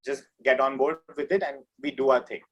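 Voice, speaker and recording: A man from India, a band drummer, appears as an interview guest and explains things in an informal, conversational way during a casual chat. His mid-range voice is steady in tone and brisk, though the audio is dull.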